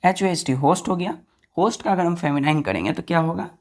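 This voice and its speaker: This woman speaks quickly in a fairly low, slightly mellow voice while teaching grammar. Spelling each word letter by letter and repeating answers, she checks again and again that the class is following.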